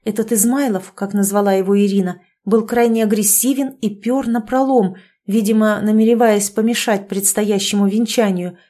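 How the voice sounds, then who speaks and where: A woman narrating a historical romance audiobook with expressive, scripted reading. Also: mid-range voice. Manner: expressive reading, acting out dialogue.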